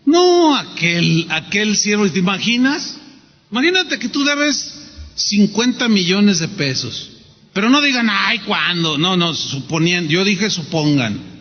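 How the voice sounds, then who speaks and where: A man's voice: high voice, sing-song, unhurried, long reverb tail, highs cut off. A man preaching a sermon, animatedly acting out the voices in a parable. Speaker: pastor.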